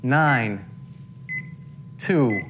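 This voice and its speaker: Slow, halting male game show contestant. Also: mid-range voice, noisy background. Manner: halting, deliberate. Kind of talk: short spoken answers. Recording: game show music behind. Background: music and game beeps.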